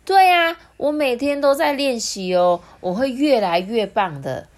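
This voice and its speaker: A nervous little boy from a storybook, voiced by a woman, who stammers and trips over his words. His voice sits high and leaps up and down. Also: expressive, measured pace. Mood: earnest. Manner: stammering, breaks off mid-word.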